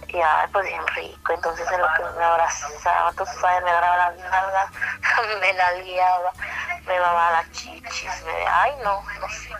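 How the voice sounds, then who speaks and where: A woman with a Mexican accent telling an intimate first-person story over a phone call, halting and sighing, with many restarts. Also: lowish voice, creaky, bright, forceful tone. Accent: Mexican Spanish. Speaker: caller telling her story.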